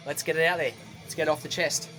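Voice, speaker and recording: Australian guy vlogging from a boat, rambling and combative rant, middling pitch, faint music playing behind him. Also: flat delivery, fast talker, bright, forceful tone. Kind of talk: ranting monologue to camera. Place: on a boat outdoors.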